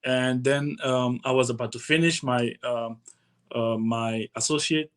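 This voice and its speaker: A young man from Togo with a Togolese accent, speaking casually as an interview guest, haltingly and repeating his phrases. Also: medium pitch, fairly even intonation, clean tone. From Togo, West Africa. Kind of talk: casual personal storytelling.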